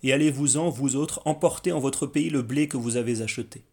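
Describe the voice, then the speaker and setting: A man reading a Bible story aloud as scripted narration, in a measured way with small slips. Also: medium pitch, mellow. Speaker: Bible reader.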